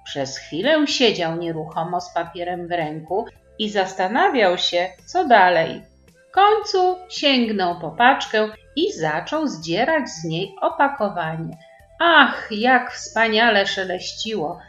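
A woman reading a children's story aloud, gently addressing young listeners. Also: lowish voice, sing-song, a little slow, soft background music. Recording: roomy, dull lo-fi recording.

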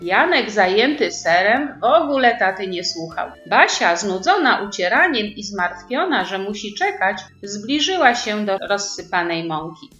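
A woman narrating a children's story with warm, animated storytelling, in a roomy recording with faint music. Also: mid-range voice, unhurried, hardly any pauses, highs cut off. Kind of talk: expressive children's story reading.

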